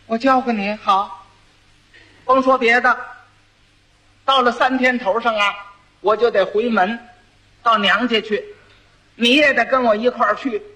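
A man's voice: very high voice, steady tone, unhurried, pauses often, bright, forceful tone, heavily acted, low-quality recording. A man voicing a clever young bride who scolds and coaches her husband. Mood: instructive. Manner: scolding, instructive.

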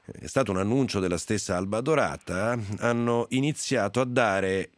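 A man's voice: fairly low pitch, moderate pace, no room sound. Male radio host, close dry studio sound. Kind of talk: live interview hosting. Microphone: close studio microphone.

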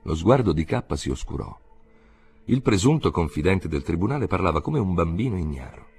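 A man reading a literary audiobook aloud in a measured, expressive way. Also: low-pitched, slightly rough. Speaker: audiobook reader.

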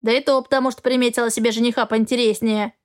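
A woman's voice: fairly high pitch, flat delivery, fast talker, natural voice. A woman voicing a senile, grumpy old male raven in a storybook reading, indignant and scolding. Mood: confiding.

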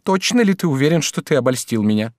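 A man voicing a timid, frightened young woman who pleads in a drawn-out high voice. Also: sing-song, no echo, clean studio sound. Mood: hesitant.

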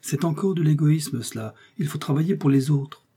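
A man's voice: on the high side, normal speed, warm tone, husky, voice pushed up. A man voicing an idealistic young princess in an audiobook, earnest and insistent. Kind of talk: audiobook character reading.

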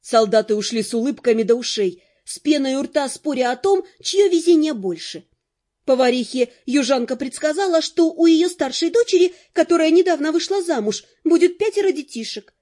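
High-voiced woman reading an audiobook. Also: animated, moderate pace, dark tone. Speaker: audiobook narrator. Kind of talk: audiobook reading of romantic fantasy.

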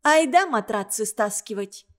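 Audiobook part: cheeky sarcastic girl, read by a woman, high and loud, teasing. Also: animated, a little slow. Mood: cheerful shouting. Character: sharp-tongued cheeky orphan girl. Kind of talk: audiobook character voice.

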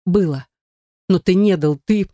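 A tearful, defiant young daughter in an audiobook, voiced by a male reader. Her lines come in a lifted, pleading tone. The voice is warm and mellow, and the recording is dry. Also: sits high, measured pace, no room sound, pitched above the performer's own voice. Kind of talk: audiobook reading.

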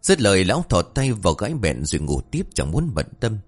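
A man tells a folk ghost story with a lowish voice that swings widely in tone. His narration is lively and expressive. Soft music runs underneath. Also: fairly quick, husky.

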